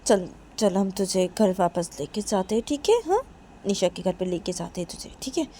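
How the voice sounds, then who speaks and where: A woman voicing a calm woman friend who gently coaxes an angry friend, repeating herself softly. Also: medium pitch, normal speed, a little hiss or hum, lightly acted. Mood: soothing. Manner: soft, coaxing, repeats herself.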